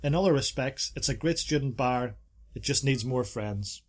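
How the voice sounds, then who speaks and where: Here a podcast co-host with a mid-range voice talks at a moderate pace. He chats casually about bars, reading reviews aloud and joking around as he goes.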